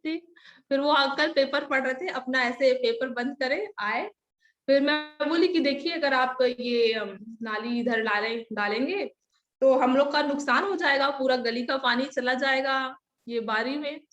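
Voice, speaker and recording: A young woman with a high voice tells her testimony like a lively everyday story. She talks animatedly, acts out each side of the dialogue and laughs often along the way. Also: a little slow. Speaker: testimony speaker. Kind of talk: personal testimony told as casual story.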